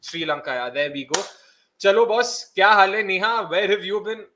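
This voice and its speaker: A man's voice: high-pitched, lively intonation, racing, pushed and bright. A man with an Indian accent hosting a casual, chatty sports show, switching between two languages with energy. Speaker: host of a cricket preview show. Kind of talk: casual sports chat, mixing Hindi and English. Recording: roomy echo, faint background noise.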